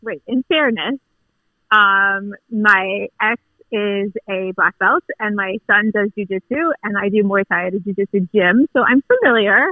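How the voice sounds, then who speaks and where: A woman's voice: mid-range voice, unhurried, no echo. A woman phoning in to a podcast as a listener, chatting casually and teasing the hosts. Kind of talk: casual phone-in chat. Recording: muffled phone line.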